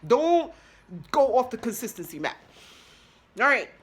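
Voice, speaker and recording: A middle-aged woman telling a story in casual chat, animated, dramatic and profane. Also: mid-range voice, normal speed. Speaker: vlogger.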